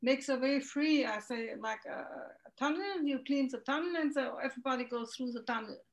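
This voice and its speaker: A middle-aged woman from Germany with a German accent, a native German speaker, talking hesitantly with many pauses as a guest on a video call. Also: high voice. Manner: hesitant, searching for words with many ums. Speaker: guest, feng shui consultant. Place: home room with window. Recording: dull lo-fi video call audio.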